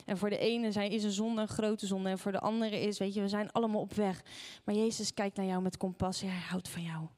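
A woman's voice: medium pitch, little pitch movement, fairly quick, few pauses, darkish tone. A woman preaching a sermon, telling a personal story and asking the listeners questions along the way.

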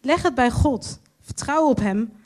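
Woman, preacher, sermon, high-pitched, earnest, stretches key phrases. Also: darkish tone. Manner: earnest, slows down to stress key lines.

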